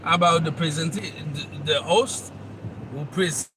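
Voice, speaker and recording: High-voiced Haitian man coaching. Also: unhurried, over music. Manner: earnest, repetitive, speaks straight to the listener. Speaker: motivational coach and channel host. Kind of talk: live motivational talk. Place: outdoors near traffic, on the road. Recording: distant mic with loud traffic noise.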